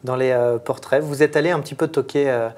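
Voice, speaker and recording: A woman interviewer asking measured, probing questions. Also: a bass voice, fairly even intonation, darkish tone.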